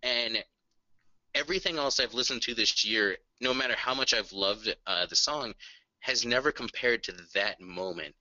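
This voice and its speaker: A man's voice: medium pitch, moderate pace, sharp tone, dry recording, muffled recording. A man co-hosting a podcast, telling an enthusiastic, earnest story in casual music chat. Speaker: podcast co-host.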